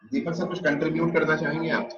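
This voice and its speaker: A man's voice: a little high, level tone, fast, a bit bright. A man leading a casual online meeting politely, his call audio echoing. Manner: polite, addresses others formally. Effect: echo on his call audio. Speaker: meeting participant leading the discussion. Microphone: video call. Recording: echoey, distant, dull video call audio.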